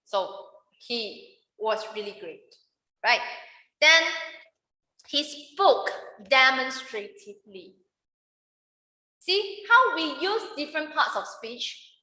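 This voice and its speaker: A woman's voice: sits high, very animated, takes it slowly, pauses often, pushed and bright. A woman, a teacher presenting a workshop lesson at a club meeting, who keeps checking in with her audience. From Malaysia. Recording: echoey room.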